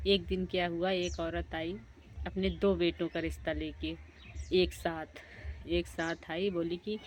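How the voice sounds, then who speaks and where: A woman's voice: on the low side, level tone, measured pace. A woman casually telling a folk tale in a plain, repetitive way. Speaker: storyteller. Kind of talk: casual oral storytelling.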